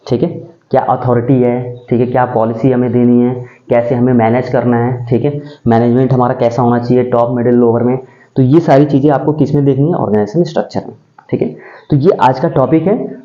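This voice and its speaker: A young man giving a casual lecture as a teacher, conversational and constantly checking in with his listeners. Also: medium pitch. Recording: echoey room, dull sound.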